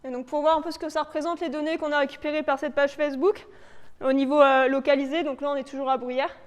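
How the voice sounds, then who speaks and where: A woman talks fast with a high-pitched voice and a flat delivery while presenting slides for a local authority biodiversity project. Her explanation is informal, hesitant and loosely improvised. She addresses a live audience in a reverberant indoor meeting room that sounds like a large hall.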